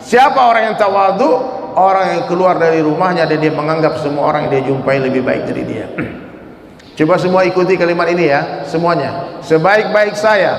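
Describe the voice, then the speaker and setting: A man preaching a sermon with questions from the audience, animated and joking, getting the crowd to repeat after him. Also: a little high, fairly quick. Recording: echoey hall reverb.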